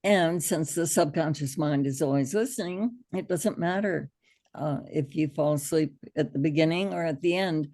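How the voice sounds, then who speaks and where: A middle-aged American woman, her voice gravelly and hoarse from allergies, informally teaches an online hypnosis class with encouragement and reassurance. Her voice sits low and mellow, and she talks at a normal speed.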